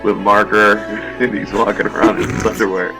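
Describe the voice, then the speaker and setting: Guy with a lowish voice rambling thru a funny story on a podcast, music going loud in the back. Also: little pitch movement, moderate pace. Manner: rambling storyteller, laughs at own jokes. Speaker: podcast co-host. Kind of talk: casual chat.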